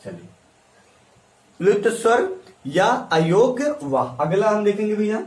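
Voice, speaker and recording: A male teacher giving a classroom lecture, repeating key phrases slowly and quizzing his students as he writes on a board. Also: high-pitched, expressive. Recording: echoey room, voice from a distance.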